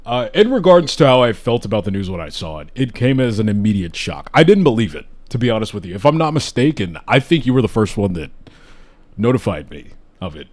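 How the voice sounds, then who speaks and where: A man with a fairly low voice hosts a casual live chat. He talks eagerly and at length, circling back and restarting his sentences. He hiccups now and then. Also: sing-song, brisk, a little mellow. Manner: enthusiastic, rambling with restarts. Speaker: host.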